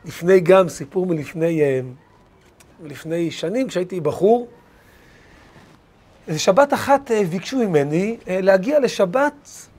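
Husky high-voiced rabbi telling stories. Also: male voice. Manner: animated anecdotal storytelling with hesitant fillers. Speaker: rabbi teaching a lesson. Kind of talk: storytelling lesson.

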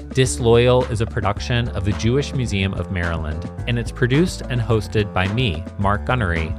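A male podcast host with a somewhat low voice speaks in a measured, scripted way. Guitar music plays clearly underneath him. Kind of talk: hosting an interview podcast.

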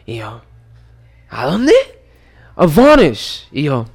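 A man in his twenties with a Mexican accent, a podcast guest telling a story in casual chat, animated, slangy and swearing often. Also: fairly high pitch, takes it slowly, gravelly, slightly rough. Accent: Mexican Spanish. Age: 20s.

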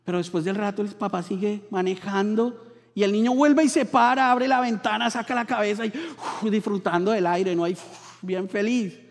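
A high-voiced Colombian man preaching a sermon from the pulpit, acting out the people in his stories. His voice carries a long reverb from the church hall around him. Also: normal speed. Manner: animated storytelling, acting out voices in quotes. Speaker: pastor.

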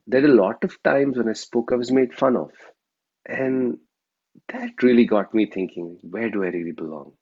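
This Telugu-speaking man has an Indian accent and a medium-pitched, somewhat dark voice at a normal speed, recorded with the highs missing. He is a guest in an interview, thoughtfully recounting his own experiences and frequently tacking a questioning "right?" onto what he says.

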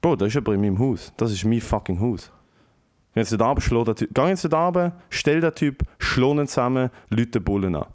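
A young man with a Swiss German accent, animated and swearing often, telling a story in a casual chat with English slang mixed in. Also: medium pitch, brisk.

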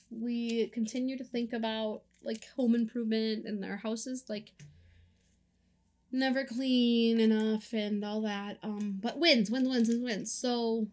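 A young woman co-hosting a podcast in casual chat, playful and chatty with quick asides. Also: on the high side, darkish tone. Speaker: podcast co-host.

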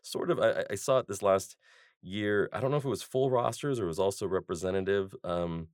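A man's voice: low voice, a little fast, no echo, clean studio sound. A man hosting a podcast, talking through his ideas in a loose, rambling monologue full of fillers and restarts. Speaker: podcast host.

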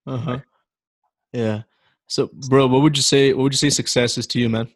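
A man's voice: mid-range voice, level tone, normal speed. A man hosting a casual chat, informal and agreeable as he responds and asks questions. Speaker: interview host.

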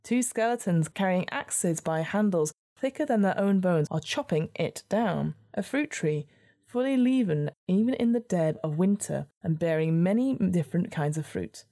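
A woman's voice: fairly low pitch, lively intonation, moderate pace, warm tone. A woman narrating a gamebook adventure in a storybook reading style, with casual asides as host.

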